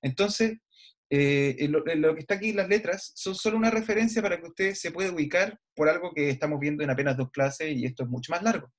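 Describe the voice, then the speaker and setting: A man's voice: fairly high pitch, a little fast. A man teaching an online class, explaining step by step and often checking in with his students, with some hesitant fillers. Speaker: university lecturer. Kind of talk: online lecture.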